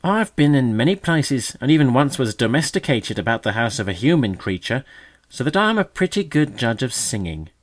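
A man's voice: mid-range voice, very animated, normal speed, voice pushed up. A man voicing a conceited older male magpie who mocks with fake solemnity, raised and pointed. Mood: mocking. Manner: sneering mock solemnity.

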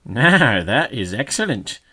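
A man's voice: medium pitch, expressive, moderate pace, pitched above the performer's own voice, lightly acted. A man voicing a conceited older male magpie who mocks with fake solemnity, raised and pointed. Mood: mocking. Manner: sneering mock solemnity.

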